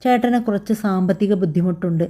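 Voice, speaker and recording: A woman voicing a gentle aging mother in a storybook, speaking in a halting, apologetic way. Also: medium pitch, natural voice. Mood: ashamed.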